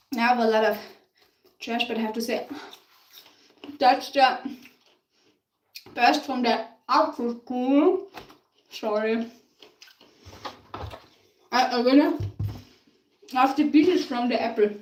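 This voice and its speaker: A Tyrolean woman with an Austrian German accent bakes in her home kitchen while chatting casually to live-stream viewers, answering their comments and laughing often. Her fairly high voice is slow with long pauses, picked up by a distant mic in an echoey kitchen. Dishes and cutlery clink, with slight background noise.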